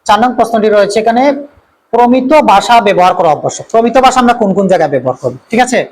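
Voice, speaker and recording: A male teacher going through exam multiple-choice questions, repeating each question and reading out the options before giving the answer, with drawn-out "uh" fillers. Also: sits high, lively intonation, a little hiss or hum, rough recording.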